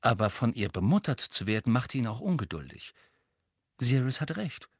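A man narrating an audiobook with an expressive, lively reading. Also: mid-range voice, normal speed, no echo, studio quality.

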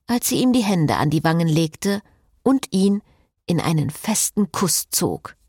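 A woman narrating a novel in an expressive, measured audiobook reading. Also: low voice, slightly rough, dry recording, clean studio sound. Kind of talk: scripted narration.

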